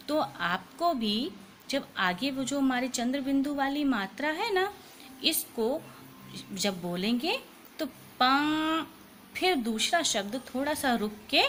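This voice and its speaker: Woman, children's language teacher, slow careful explaining, slightly high voice, faint background hiss. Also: sing-song, a bit bright. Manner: slow, patient, explains and repeats sounds. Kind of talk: Hindi lesson for children.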